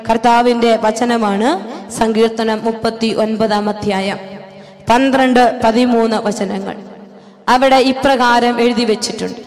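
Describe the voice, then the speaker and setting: A preacher delivering a sermon to a congregation, asking rhetorical questions and answering them, swinging between loud bursts and hushed lines. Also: mid-range voice. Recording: long reverb of a hall.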